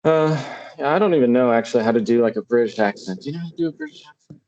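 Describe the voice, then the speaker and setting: A man running a tabletop role-playing game as game master, talking casually in a relaxed, joking, self-deprecating way. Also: mid-range voice, racing, highs cut off.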